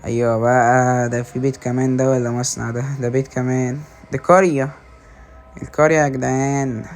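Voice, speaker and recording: A man with an Egyptian Arabic accent giving casual gameplay commentary, excitedly calling out to his teammates and teasing them. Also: medium pitch, brisk, slight background noise. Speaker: gaming video creator.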